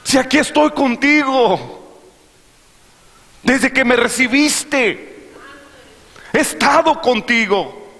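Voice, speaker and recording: A man preaching in a church, voicing Jesus slowly and gently chiding a doubting disciple. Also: extremely high pitch, expressive, long reverb tail, voice pushed up, full character voice. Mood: reproachful.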